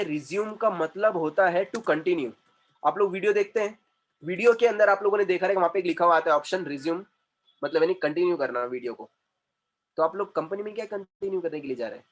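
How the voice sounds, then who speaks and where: A man teaching English pronunciation in a classroom-style lesson, emphatic and repeating words to drill them, switching between Hindi and English. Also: high-pitched.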